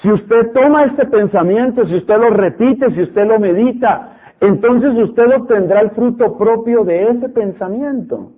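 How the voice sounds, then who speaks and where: A man preaching a sermon, animated and repetitive, mimicking stubborn voices to make his point. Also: high voice, a little slow, breathy edge. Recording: tinny phone-like radio broadcast.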